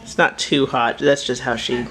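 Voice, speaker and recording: A young woman chatting casually in her kitchen while feeding her child, rambling and breaking into excited cheers. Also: extremely low pitch, moderate pace. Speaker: home cook and mother. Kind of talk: casual vlog chat.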